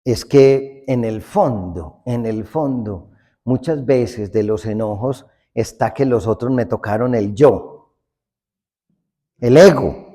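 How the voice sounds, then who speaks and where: A man's voice: medium pitch, slow pace, mellow. A man with a Colombian accent preaching a humorous sermon as a priest, folksy and joking, acting out small everyday dialogues. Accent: Colombian Spanish. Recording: long hall reverb.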